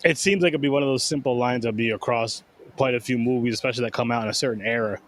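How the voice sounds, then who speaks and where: A man's voice: mid-range voice, very fast, slight background noise. A man co-hosting a casual movie podcast, blunt and freely swearing. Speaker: podcast co-host. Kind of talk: casual chat.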